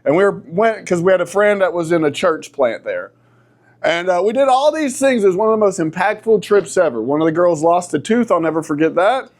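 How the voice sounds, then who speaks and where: A man in his forties, a church class teacher, telling stories in a joking, animated way. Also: sits high, fairly quick. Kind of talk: casual talk.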